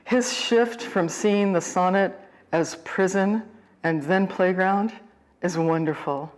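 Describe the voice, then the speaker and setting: Woman poet host, lower voice, measured scripted lecture on form. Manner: measured, deliberate, reflective.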